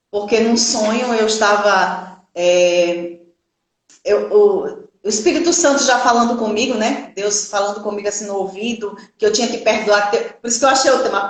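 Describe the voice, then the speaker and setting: A middle-aged Brazilian woman telling a personal church testimony in an earnest, halting way, with many restarts. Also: on the high side. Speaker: guest giving a church testimony. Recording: very echoey room.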